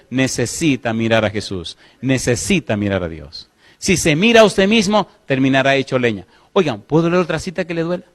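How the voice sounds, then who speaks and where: A man preaching a sermon as pastor, asking the congregation questions and slowing to read scripture aloud. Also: on the high side.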